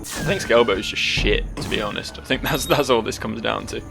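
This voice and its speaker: A man's voice: on the low side, fairly quick, vocal fry. A man hosting a video game playthrough, commenting casually in a dry, sardonic, sweary way. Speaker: gaming video host. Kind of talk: casual let's play commentary. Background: game music.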